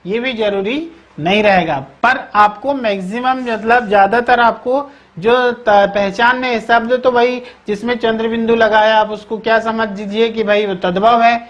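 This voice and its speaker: A woman teaching an exam-prep grammar lesson. She keeps checking in with the class, asks questions and answers them herself, and repeats key words slowly. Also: a little high, fairly even intonation, dull audio.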